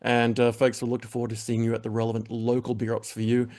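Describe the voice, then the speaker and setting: A man hosting a web TV interview signs off with upbeat plugs that ramble and are full of fillers. He speaks quickly in a monotone, with a darkish, medium-pitched voice.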